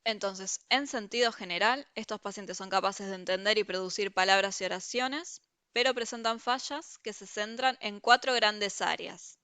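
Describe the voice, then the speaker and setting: Over a video call, a woman with a bright, crisp, medium-pitched voice runs a university review class. She patiently walks through each point step by step, explaining and often checking that students follow with a frequent "¿sí?" The audio is close and dry, with no room sound at all.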